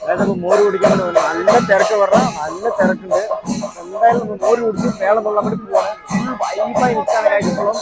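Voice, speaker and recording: A man's voice: sits high, fairly even intonation, quick pace, pauses often, loud music behind the voice, rough recording. A young man with a Kerala accent doing casual vlog chat in Malayalam mixed with English words, often repeating himself. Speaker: vlogger. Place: outdoors at a festival.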